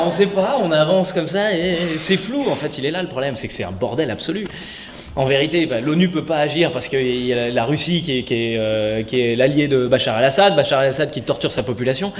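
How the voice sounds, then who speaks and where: A man in his thirties doing a stand-up comedy set in a chatty, rambling, self-mocking way, on stage before a live audience. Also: fairly high pitch. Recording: echoey venue with loud noise.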